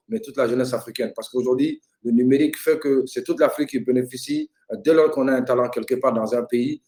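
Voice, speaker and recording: A middle-aged man representing a university, giving impromptu thanks on a webinar call in halting, repetitive phrases. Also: medium pitch, a little mellow. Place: online video call.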